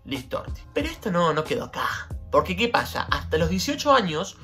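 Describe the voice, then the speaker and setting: Animated Argentine young man telling a story. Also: a little fast, faint music behind. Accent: Rioplatense Argentine Spanish. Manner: animated, slangy, jumps in pitch when telling the story. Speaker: vlogger. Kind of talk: casual anecdote storytelling. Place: at home.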